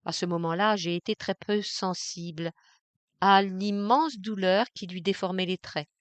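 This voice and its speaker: A woman reading a novel aloud in the first person, measured and intense. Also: mid-range voice, smooth, dry recording. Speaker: audiobook reader. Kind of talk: literary audiobook narration in the first person.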